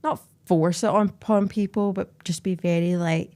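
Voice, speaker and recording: A woman's voice: fairly low pitch, steady tone, moderate pace, mellow. A young adult Scottish woman hosting a podcast in a candid, chatty way, full of "like" fillers. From Scotland. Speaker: podcast host. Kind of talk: casual chat.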